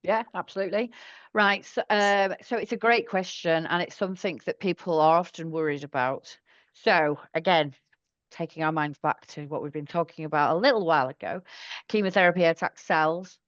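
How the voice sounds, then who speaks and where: A woman's voice: lowish voice, moderate pace, no echo, highs cut off. A woman working as a specialist nurse, answering questions in an online session in a chatty, thorough way, often correcting herself.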